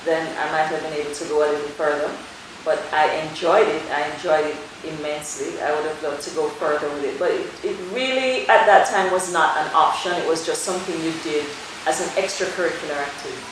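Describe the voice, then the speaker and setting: A middle-aged woman from Jamaica, a dermatologist, answers interview questions in a low voice. She talks in a measured, thoughtful way, pausing on fillers. The recording sounds strongly echoey, with faint noise behind her. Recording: very echoey room with faint ambience.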